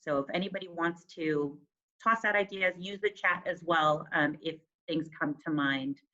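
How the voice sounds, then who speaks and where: Brief: low, bright woman host inviting input, slightly dull video-call sound. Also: normal speed. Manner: encouraging, hedging with fillers. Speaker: session facilitator. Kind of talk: facilitating a discussion.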